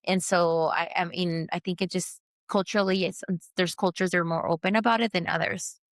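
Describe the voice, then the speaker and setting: A woman who runs a post-op massage business, talking candidly in an interview, with fillers, restarts and quick shifts into voices when she quotes people. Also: fairly even intonation, no room sound. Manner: acts out quoted voices with sharp pitch jumps. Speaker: post-op massage therapist, guest. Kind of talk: casual interview conversation.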